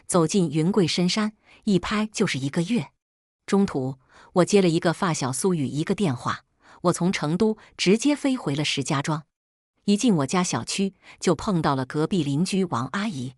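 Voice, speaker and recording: Casting: woman narrator, husky, lowish, dramatic first-person audiobook read. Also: lively intonation, moderate pace, no echo, clean studio sound. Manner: dramatic storytelling.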